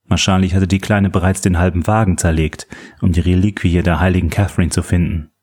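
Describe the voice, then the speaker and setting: A man reading a thriller audiobook in a steady, suspenseful narration. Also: low voice, brisk. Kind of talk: scripted narration.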